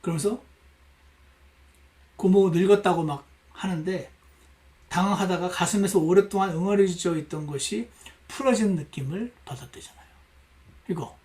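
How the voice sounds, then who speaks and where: 여성 양육반에서 성경을 가르치는 남자 목사로, 질문을 던지고 인용된 말을 연기하듯 들려준다. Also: male voice, high voice, normal speed, long pauses. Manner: animated, rhetorical questions, acts out quoted lines. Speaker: pastor teaching a women's Bible class. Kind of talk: Bible class teaching. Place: church classroom.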